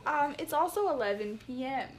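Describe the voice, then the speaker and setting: A woman's voice: sits high, animated, normal speed, a little hiss or hum. A young woman chatting with friends, teasing and slangy with a drawl. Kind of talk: casual chat. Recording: roomy echo.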